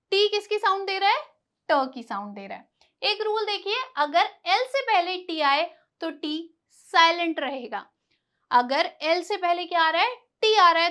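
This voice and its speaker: A woman with a very high, sharp voice teaches English letter sounds in a classroom lesson. She asks questions and answers them herself, spelling words out letter by letter.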